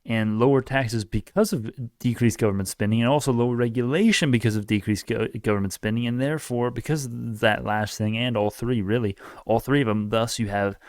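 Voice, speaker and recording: A man's voice: medium pitch, a little fast, hardly any pauses, a little mellow, no room sound, clean studio sound. A man in his late teens rambling through an opinionated political rant, often restarting and correcting himself. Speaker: YouTube commentator. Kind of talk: casual political rant to camera.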